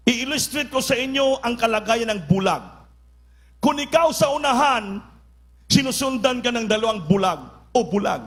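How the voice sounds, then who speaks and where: A man preaching with mounting fervor, his voice riding high for a man. He drives his points home again and again and calls for the congregation to answer, sometimes rising to a shout. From Philippines. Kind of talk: sermon.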